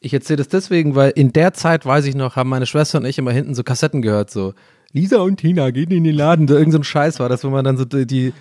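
A man who grew up in Dublin, a podcast guest telling stories in a loose, animated way with many fillers. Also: mid-range voice, racing, few pauses, no echo, studio quality. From Ireland. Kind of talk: casual storytelling chat.

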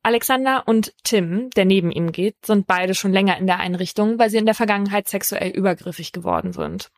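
A woman speaks in a calm, matter-of-fact voice, narrating her own account as a care worker. The recording is close and dry, with no room sound around her voice. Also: mid-range voice, fairly quick, no echo. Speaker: care worker in a youth facility. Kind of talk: first-person narrated account.

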